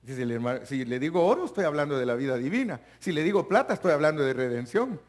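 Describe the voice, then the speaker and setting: An older man preaching a live church sermon as pastor, animated, often calling out to his listeners as brother and at times breaking into shouts. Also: a little high, fast talker. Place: church sanctuary.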